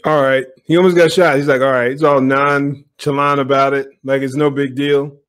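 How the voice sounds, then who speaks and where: A man's voice: mid-range voice, level tone, moderate pace. A man giving opinionated commentary on a police video, speaking bluntly and directly to his viewers.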